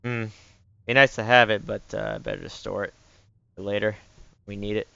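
A man's voice: on the low side, steady tone, moderate pace, creaky, bright, forceful tone, clear, resonant tone, dry recording, muffled recording. A man giving casual gameplay commentary, muttering and thinking aloud as he goes. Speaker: game streamer. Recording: faint background noise, clicking.

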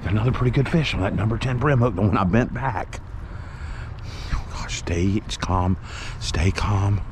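A middle-aged man, narrating his fishing trip to an action camera in excited, folksy commentary. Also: lowish voice, moderate pace. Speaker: fishing vlogger. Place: outdoors on a windy waterfront. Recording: outdoor wind and boat noise. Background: wind and water ambience.

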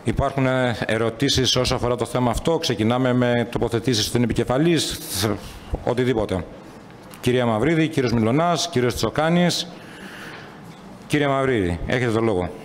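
A man's voice: medium pitch, slight background noise. A man presiding over a municipal council session, politely urging members to their seats and giving the floor in a formal, courteous manner. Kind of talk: chairing a municipal council meeting.

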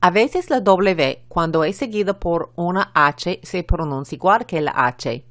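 A woman co-presenting a pronunciation lesson, calmly announcing letters and explaining sounds. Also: on the low side, no echo. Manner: measured, announces each letter. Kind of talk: scripted lesson narration.

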